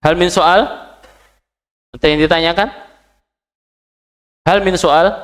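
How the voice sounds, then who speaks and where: A man's voice: high voice, steady tone, slow pace, fairly bright tone. A man teaching an Arabic class, patiently saying each phrase and translating it, and checking often that his students follow. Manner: quizzes the class with short questions. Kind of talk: classroom language lesson.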